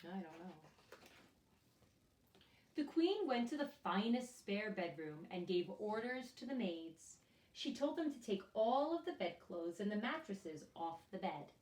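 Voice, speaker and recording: Her voice is mid-range and a little mellow as this children's storyteller and teacher reads a picture book to little ones. She gives it plenty of expression and often turns to the kids with questions and side comments. The mic sits at a distance in an echoey room.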